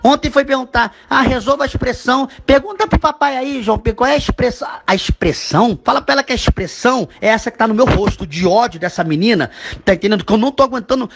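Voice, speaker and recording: A man's voice: extremely high pitch, fast, creaky, fairly bright tone, slight background noise, exaggerated voice. A man dubbing a crude, exasperated middle-aged father who rants in a comedic voice message and keeps asking if you understand. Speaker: comedy voice dubber.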